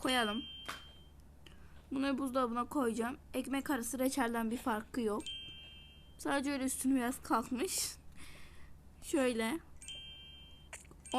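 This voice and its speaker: A woman's voice: sits high, fairly even intonation, moderate pace, long pauses, a little hiss or hum. A young woman vlogging casually while baking, chatty and self-mocking. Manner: chatty, dramatic outbursts and self-mocking complaints.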